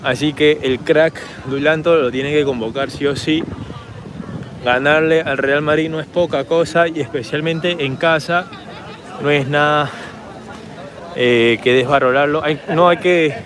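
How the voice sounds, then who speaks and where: A man with a Peruvian Spanish accent, hoarse from shouting, chatting casually to his handheld camera as he walks through a city park at night. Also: fairly high pitch, fairly even intonation, a little slow, background noise. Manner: chatty, rambling, talks straight to camera while walking. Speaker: travel vlogger. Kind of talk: casual walking vlog.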